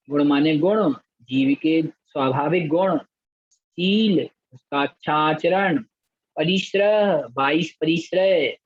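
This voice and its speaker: This fairly high-pitched man leads a call-and-repeat recitation lesson in scripture, slowly stretching out each syllable before switching to quick explanations. The audio is muffled, dry, and lo-fi.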